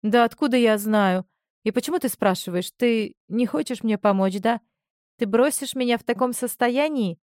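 A woman's voice: fairly high pitch, normal speed, darkish tone, no room sound, studio quality, pitched above the performer's own voice, natural voice. A woman putting on a plaintive, pleading young woman faking helplessness.

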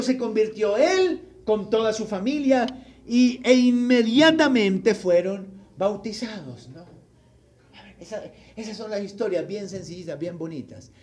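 A male pastor preaching a sermon, telling a Bible story with animated delivery and asking the congregation questions. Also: sits high, a little hiss or hum. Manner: acts out the people in the story.

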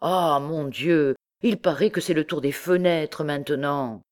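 A man's voice: fairly high pitch, moderate pace, natural voice. A woman reading the part of an irritated, proud medieval male poet who grumbles and complains theatrically. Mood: exasperated.

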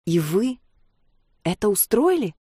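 A woman's voice: medium pitch, big pitch swings, slow pace, mellow, husky, no echo, clean studio sound, exaggerated voice. A woman voicing a tense adult daughter who presses with indignant questions.

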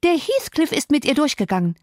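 A flustered, thoughtless young housemaid, as a woman reader puts her on, babbling in a high, excited voice. She rushes her words with little care. The sound is dry and close. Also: no echo, natural voice. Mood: panicked.

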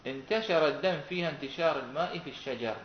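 A man's voice: on the high side, fast. A man teaching a Quran recitation class, asking his students questions and repeating their answers. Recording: roomy, dull recording with faint noise.

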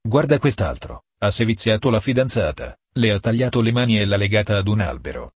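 A man voicing a furious male police investigator who shouts and rants in an audiobook reading. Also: lowish voice, sing-song, a little fast, slightly rough, no echo, studio quality. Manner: shouting, ranting.

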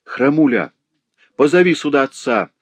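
A man's voice: medium pitch, normal speed, no echo, pitched above the performer's own voice, lightly acted. A man voicing a terrified old woman who gasps and pleads in an audiobook. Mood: crying out. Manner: gasping, pleading cries.

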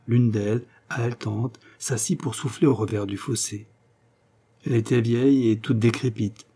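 Dark-voiced male audiobook narrator. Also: medium pitch, slightly rough. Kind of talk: scripted narration of a novel.

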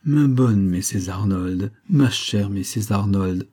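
A man voicing a stout, pompous army major who speaks with slow, false tenderness. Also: fairly low pitch, dark tone, slightly rough. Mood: coaxing. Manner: slow, coaxing, condescending.

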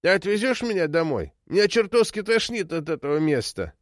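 A frail, confused old woman, suspicious and stubborn, her voice pitched high and swinging sharply as she snaps short, indignant retorts, as a man reading a storybook puts her on. The sound is close and dry. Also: big pitch swings, a little fast, dry recording.

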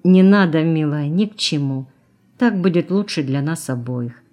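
Audiobook doctor: gentle, reserved woman, read by a woman. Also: deep voice, moderate pace, lightly acted.

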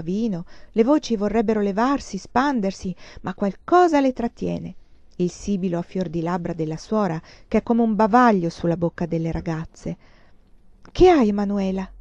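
Woman reading a novel aloud, dark voice. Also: mid-range voice, no echo, highs cut off. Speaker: reader.

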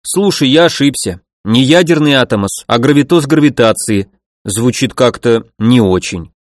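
A man reading an audiobook voices an excitable young male fighter, loud and gleeful at times and doubtful at others. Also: medium pitch, normal speed, no room sound, clean studio sound, natural voice.

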